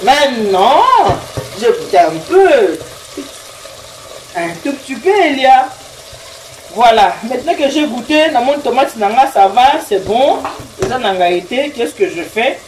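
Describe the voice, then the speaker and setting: Older woman cooking at home and chatting, higher voice, kind of far from the mic, echoey room. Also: unhurried, slight background noise. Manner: chatty, teasing, animated storytelling. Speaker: host, grandmother. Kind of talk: cooking show with marriage advice. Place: home kitchen.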